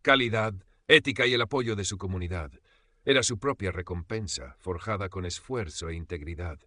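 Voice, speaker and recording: Bright, low-voiced male narrator. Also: normal speed, no room sound. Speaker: audiobook narrator. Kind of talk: scripted narration.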